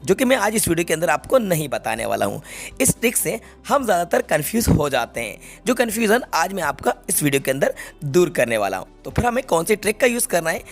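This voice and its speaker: A young man teaching an English grammar lesson to students, explaining step by step and checking that they follow. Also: on the high side. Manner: explains step by step, repeats key points, checks students understand.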